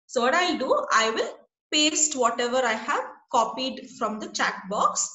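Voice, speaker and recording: A woman leads an online class over a video call, patient and checking in often with her students. Her voice is high and bright. It sounds like she's in an echoey room. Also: sing-song, measured pace. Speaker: teacher.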